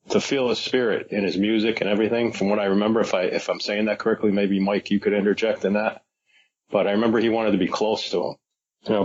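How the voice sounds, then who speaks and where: Husky, tentative male podcast guest. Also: lowish voice. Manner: tentative, speculative, many hesitations. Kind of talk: casual podcast interview. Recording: dull lo-fi remote audio.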